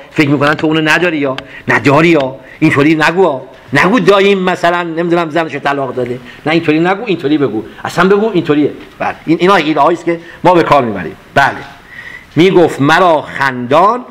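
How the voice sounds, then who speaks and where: A man giving a classroom lecture on mystical poetry, reciting verses slowly and then explaining them in a conversational way. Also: on the high side, fairly bright tone.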